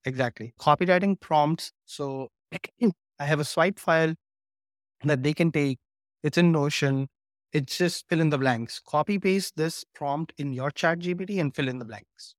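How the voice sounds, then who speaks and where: Over a video call, a guest course creator eagerly walks through his material step by step in a casual interview chat. His voice sits a little high and he speaks unhurriedly, captured in a dry, clean studio recording.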